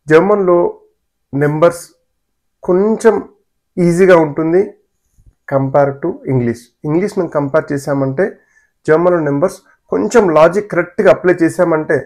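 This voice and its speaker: A man teaching a German language lesson, slowly repeating words for learners to copy. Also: a little high, a little mellow.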